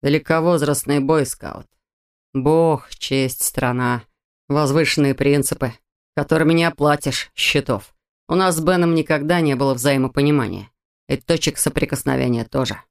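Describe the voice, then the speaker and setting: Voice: medium pitch, normal speed, smooth, close to an everyday voice. A reader voicing a sneering crooked cop. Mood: menacing. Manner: curt, sneering. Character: rough corrupt cop with a gun, male, menacing.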